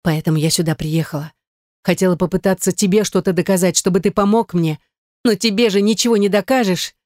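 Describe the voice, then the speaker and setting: An audiobook reader voicing a distressed young ex-wife who pleads in a raised, defensive voice. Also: female voice, fairly low pitch, steady tone, brisk, a little mellow, dry recording, studio quality, voice pushed up, natural voice. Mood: impassioned. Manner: pleading, rising voice. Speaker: audiobook character. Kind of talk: audiobook reading.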